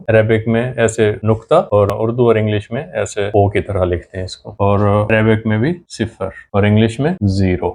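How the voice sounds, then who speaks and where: A man teaching a language lesson, slowly saying each word and repeating it with careful pronunciation. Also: fairly low pitch, darkish tone.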